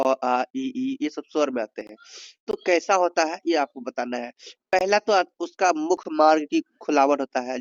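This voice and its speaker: A man with a slightly high voice teaches an exam-prep lesson. He explains step by step and keeps asking his students whether they follow. The sound is dull and a little muffled, in a dry, close space. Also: no echo.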